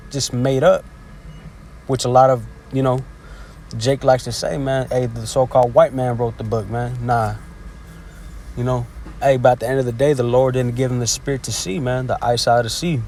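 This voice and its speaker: Sprinkling in "man" and "hey," a man teaches scripture casually as a lay preacher, his darkish mid-range voice set against slight background noise. He trips over words, restarts often, and reads verses in a slow, halting way.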